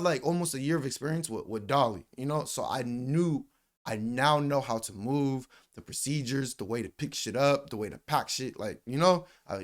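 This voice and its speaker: A man in his late twenties tells a personal story in a casual, slangy way. His voice sits at an ordinary middle pitch. He talks loosely and animatedly, with plenty of fillers and some swearing. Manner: animated retelling with voiced quotes. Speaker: vlogger.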